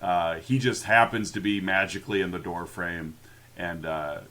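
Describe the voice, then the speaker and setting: A man's voice: deep voice, moderate pace, slight background noise. Laughing, chatty man podcast host. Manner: animated, laughing, mock-quoting characters. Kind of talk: casual chat recapping a film.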